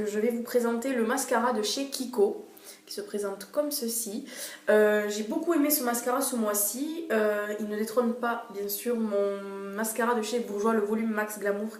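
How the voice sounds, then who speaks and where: A young woman reviewing her favorite beauty products in a casual, hesitant way, full of fillers and repeated words, recorded in a room at home. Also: a little high. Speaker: beauty vlogger. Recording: echoey room, faint noise.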